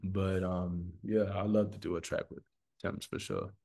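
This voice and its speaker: His voice sits low, warm and gravelly, with fairly even intonation and a slightly slow pace. An American recording artist from Florida, he chats informally in an interview, using slang and repeating himself for emphasis.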